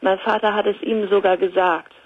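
A woman in her thirties from Germany speaks as a hesitant call-in guest. Her voice is husky with noticeable creak, carried over a narrow, tinny telephone line. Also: mid-range voice, fairly even intonation, moderate pace. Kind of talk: hesitant personal account on a call-in show.

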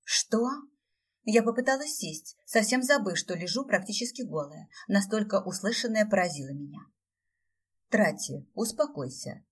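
Expressive woman audiobook narrator, husky timbre. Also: mid-range voice, brisk, few pauses, distant mic. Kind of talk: first-person fantasy audiobook narration.

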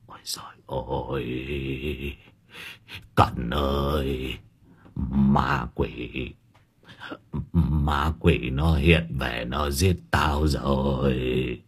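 Man doing a quaking, hushed old village boss. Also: very deep voice, steady tone, extremely slow, breathy edge, pitched below the performer's own voice, heavily acted. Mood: terrified. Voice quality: hushed, trembling whisper. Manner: breathless, fearful mumbling that flares into crude cursing. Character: terrified fat old village official, cowardly and foul-mouthed.

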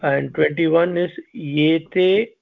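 A man student in a group voice call, reading exercise answers aloud in a halting way, with many fillers. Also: on the high side, steady tone, gravelly. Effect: heard through a group voice call. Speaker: student in an online language class. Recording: phone-like voice call audio.

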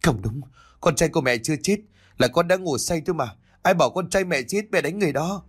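A man's voice: mid-range voice, brisk, close to an everyday voice. A man voicing a frantic, grieving young mother who cries and pleads in a breaking voice. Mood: sobbing, pleading. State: crying.

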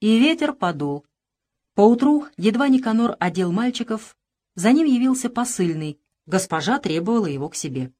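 A woman narrating a literary audiobook in an expressive, measured storytelling manner. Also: fairly high pitch.

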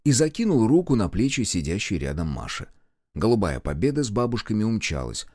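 Scripted narration is delivered briskly by a low-voiced male audiobook narrator who tells the story expressively. The sound is studio quality with no audible room.

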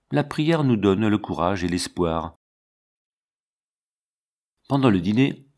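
A man narrating a classic storybook in a measured, clear storytelling manner. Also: on the low side. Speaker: audiobook narrator. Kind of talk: scripted narration.

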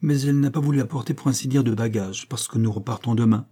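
A man's voice: medium pitch, fast, husky, close to an everyday voice. A man reading aloud and voicing a hearty, blustering young husband in an audiobook. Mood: exasperated. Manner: excited, blustering.

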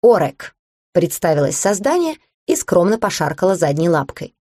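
A woman reading a first-person fantasy story aloud in a lively, amused and expressive way. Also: on the low side, moderate pace, dry recording, studio quality. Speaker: audiobook reader.

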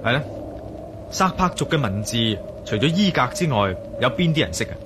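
Speaking with a Hong Kong Cantonese accent, an actor voices a determined, brooding adventurer in a radio drama, expressive and prone to musing aloud. His medium-pitched delivery is fairly quick, grave and insistent, only lightly acted. The background is noisy.

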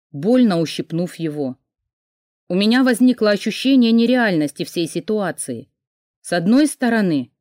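A woman narrating a novel in the first person in a steady, measured reading. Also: mid-range voice, no room sound, clean studio sound. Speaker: audiobook narrator.

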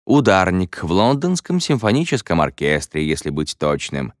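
A man's voice: deep voice, big pitch swings, normal speed, no room sound, studio quality. Man doing a wry, teasing schoolteacher. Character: good-humored male schoolteacher, joking with class. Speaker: teacher.

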